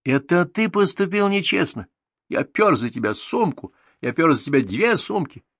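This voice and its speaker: A man voicing an indignant, scrappy schoolboy in an audiobook, with heated, shouted outbursts. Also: a little high, very animated, moderate pace, husky, no room sound, clean studio sound, pitched above the performer's own voice, full character voice.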